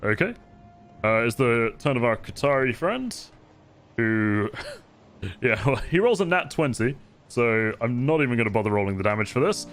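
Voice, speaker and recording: A man's voice: medium pitch, sing-song, moderate pace, a bit bright, soft background music. A man running a tabletop game as game master, narrating the fight in vivid detail and laughing often.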